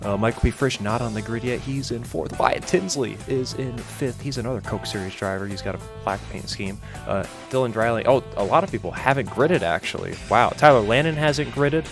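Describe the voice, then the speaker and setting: A man commentating a live-streamed sim race, excitable and stumbling over his words, still coughing from a cold. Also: mid-range voice, a little fast, creaky, hardly any pauses, over music. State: coughing a lot.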